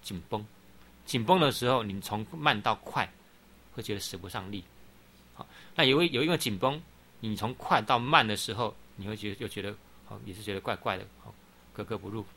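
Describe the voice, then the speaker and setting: Male Buddhist teacher, middle-aged, bright tone, low-ish pitch, steady teaching cadence. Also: brisk. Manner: frequent "好" interjections, patient explaining. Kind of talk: dharma talk answering questions.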